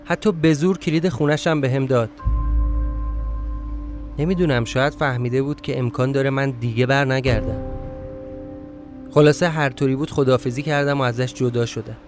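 A man's voice: mid-range voice, fairly even intonation, long pauses. A man narrating a first-person story in a confiding, reflective way. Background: faint music.

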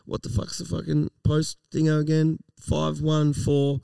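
A man's voice: a little high, little pitch movement, a little slow, creaky, dark tone, clear, resonant tone, dry recording, far from the mic. An Australian man co-hosting a casual live podcast, talking in slangy, laid-back language with plenty of swearing. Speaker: podcast co-host.

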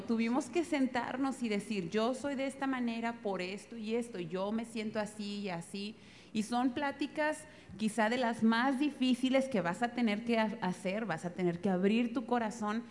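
Lively northern Mexican woman in a hall. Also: on the high side, moderate pace. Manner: lively, laughing storytelling. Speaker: speaker on marriage, wife. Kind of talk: live talk to an audience. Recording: reverberant hall, faint background noise.

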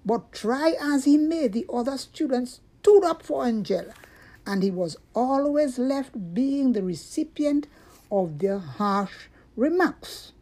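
A woman narrating a scripted story for children, with deliberate, expressive delivery. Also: sits high.

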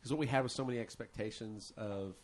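A man's voice: on the low side, fast talker. A man, a pastor, joining a podcast chat and talking earnestly in long run-on stretches. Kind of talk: casual chat.

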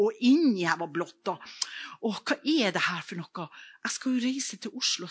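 An older woman preaching a sermon with personal testimony, fervent and swinging between loud exclamations and hushed whispers. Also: mid-range voice, husky.

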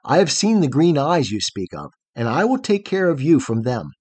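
A brave, gentle young night maiden, as a male storybook reader puts her on, pitched well above his own voice. She sounds calm and coaxing, with a husky edge and a lively, rising and falling line. The reading is dry and close, with no room sound. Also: normal speed, no echo.

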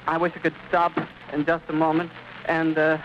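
Here a man's fairly high voice stays monotone at a moderate pace while he commentates live on radio from an outdoor airfield, using a vivid, descriptive old-time announcer delivery. The sound is a muffled and noisy 1930s archive recording.

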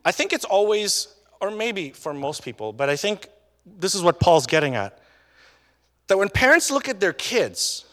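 A pastor with a high-pitched, sing-song, fairly bright voice preaches at a moderate pace in a casual, conversational way. He often tags points with questions to the congregation and restarts phrases, and the hall adds long reverb.

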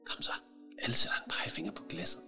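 A man's voice: in a whisper, faint music behind. A man reading aloud as a young girl who solemnly leads a séance and bosses the other children. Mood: eager. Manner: solemn, hushed questioning. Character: earnest bossy girl leading a séance. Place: large library hall at a live event.

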